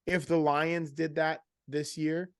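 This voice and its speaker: A man co-hosting a casual sports podcast, talking in an animated, rambling way and often cutting himself off. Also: on the high side, slow, clean tone, no room sound, studio quality. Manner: animated, rambling, self-interrupting. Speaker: podcast co-host.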